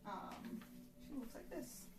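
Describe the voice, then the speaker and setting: A woman's voice: a little high, animated, takes it slowly. A woman working as game master, narrating a scene for players in a live tabletop game. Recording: echoey room, distant mic, music behind.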